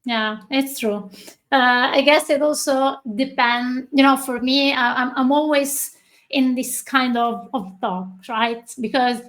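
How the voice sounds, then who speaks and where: A woman hosting a podcast interview over a video call, talking in a chatty, halting way. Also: sits high, fairly even intonation, a bit bright. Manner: chatty, slow and halting, with laughs. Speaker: podcast host.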